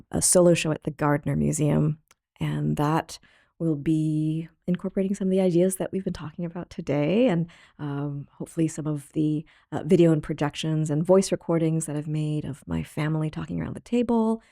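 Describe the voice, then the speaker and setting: Low gravelly woman, reflective artist. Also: steady tone, warm tone, no echo, studio quality. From Thailand. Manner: thoughtful, halting, laughs easily. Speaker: artist guest. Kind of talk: reflective interview talk.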